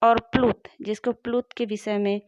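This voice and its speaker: A woman's voice: mid-range voice, little pitch movement, moderate pace, darkish tone, no room sound, highs cut off. A woman teacher giving a grammar lesson, patient and repetitive, spelling out each point step by step.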